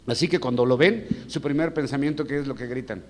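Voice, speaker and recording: A man's voice: mid-range voice, fairly quick, a little mellow. A pastor, giving a conversational sermon and asking his congregation many rhetorical questions. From Mexico. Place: church hall. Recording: long church-hall reverb, faint background hum.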